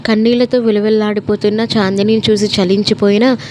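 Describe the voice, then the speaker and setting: A woman narrating a romance story aloud in a steady, even manner. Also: medium pitch, fairly quick, a little hiss or hum, rough recording.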